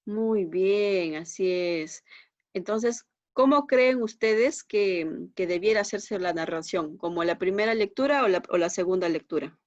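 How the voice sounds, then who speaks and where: A woman's voice: mid-range voice, measured pace, a little mellow, dry recording. A woman teaching a class, speaking patiently and often checking that her students follow with short questions. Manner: patient, checks understanding with frequent tag questions. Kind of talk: online class instruction. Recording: dull, muffled lo-fi class recording.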